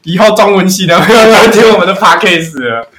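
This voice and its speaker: A man's voice: high-pitched, expressive, brisk, noisy background. A young man with a Taiwanese Mandarin accent co-hosting a casual podcast, teasing, telling stories and laughing often. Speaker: podcast co-host. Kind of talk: casual chat.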